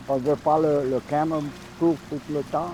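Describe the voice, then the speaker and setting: A man's voice: on the high side, steady tone, brisk, dark tone, a little hiss or hum, low-quality recording. An older man from Louisiana with a Cajun French accent, chatting casually in a rambling, repetitive way. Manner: rambling, repeats himself. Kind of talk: casual chat.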